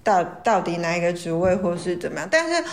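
A woman's voice: lowish voice, very animated, fast. A woman with a Taiwanese Mandarin accent speaking as a guest in a casual conversation about work. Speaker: guest talking about her job. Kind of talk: casual chat.

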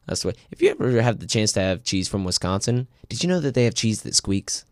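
A young man in his twenties with a low voice, telling rambling food stories in a casual podcast chat. He grows animated when he gets excited, and the close mic keeps the sound dry with no room around it. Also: fast talker, no room sound. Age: 20s. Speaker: podcast co-host.

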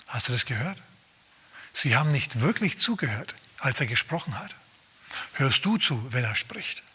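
A male pastor preaching a lively, emphatic sermon, acting out scenes as he goes. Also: mid-range voice, normal speed, slightly rough.

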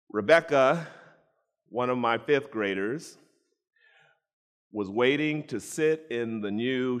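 A man preaching a storytelling sermon, animated, acting out voices and addressing listeners by name. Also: medium pitch. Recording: long reverb in a large hall.

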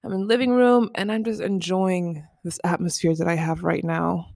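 Young woman host, early twenties, low gravelly voice with vocal fry, rambling casual chat, dry close sound. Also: flat delivery, moderate pace, a little mellow, no room sound. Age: 20s. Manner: rambling, chatty, many "like" and "you know". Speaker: podcast host. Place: living room at home.

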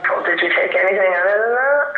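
A woman's voice: medium pitch, lively intonation, fast talker. A woman on the phone, answering with short, amused, teasing replies. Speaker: person being called. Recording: muffled, echoey, noisy phone line.

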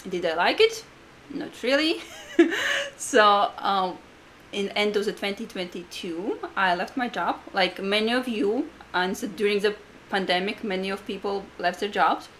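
A woman's voice: medium pitch, fairly bright tone. Latvian-accented woman podcaster, slightly noisy room tone. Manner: halting, repetitive phrasing in non-native English. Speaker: podcast co-host. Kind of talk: casual conversational podcast talk.

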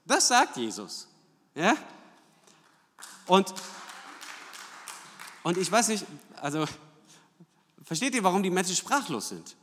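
A preacher delivers his sermon in a fairly high, animated voice that rises and falls constantly. He drives his points with rhetorical questions and frequent tag checks to the congregation. His voice carries through a hall with a long, lingering reverb. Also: takes it slowly, long pauses, a little hiss or hum. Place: church hall.

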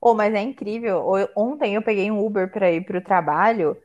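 A woman with a São Paulo accent in casual chat, animated and swearing freely as she acts out dialogue. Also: medium pitch, moderate pace, muffled recording.

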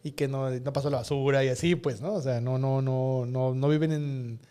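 A man's voice: medium pitch, steady tone, moderate pace, mellow, clean tone. A man co-hosting a podcast, chatting casually and joking. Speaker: podcast co-host. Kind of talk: casual chat.

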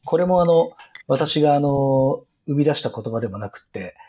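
A middle-aged man with a husky, rough voice explains business strategy in an interview in an earnest, emphatic way. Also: mid-range voice, animated, normal speed, mellow. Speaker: retail business guest expert.

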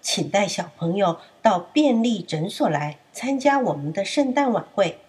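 A woman's voice: mid-range voice, animated, normal speed, darkish tone, lightly acted. A woman voicing a cheerful, kindly old elephant grandma in a children's story.

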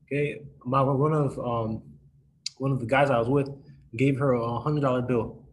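A man's voice: medium pitch, fairly even intonation, moderate pace, slight background noise, poor audio. Man leading a casual Bible study. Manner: casual, checks in with listeners often. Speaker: youth Bible study leader. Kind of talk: informal Bible teaching to a group.

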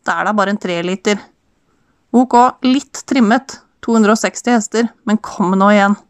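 A woman's voice: mid-range voice, dry recording, natural voice. Stubborn young car nut, defensive, dry close read, voiced by a woman. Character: stubborn young male mechanic, car enthusiast.

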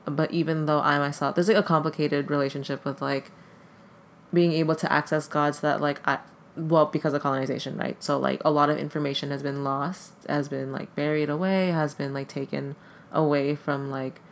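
A podcast guest with Tagalog as a first language speaks casually and hesitantly in a mid-pitched voice that is gravelly and creaky, with a level tone, using "like" in almost every phrase. A faint hiss of noise runs beneath the recording.

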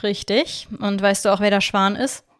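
A woman voicing a calm, unemotional man who speaks firmly and with emphasis. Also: medium pitch, normal speed, natural voice. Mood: insistent. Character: calm, cold man warning a criminal.

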